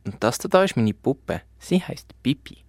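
A man's voice: medium pitch, sing-song, a little slow, dry recording, clean studio sound, voice pushed up. A man with a Swiss German accent voicing a small, friendly lost girl in a children's story, with a sweet, lilting child voice.

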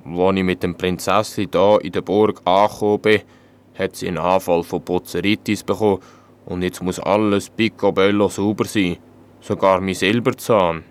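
A man voicing a big, grumpy but meek dragon in a deep, slow, plaintive voice. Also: steady tone, clean tone, close to an everyday voice. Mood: grumbling.

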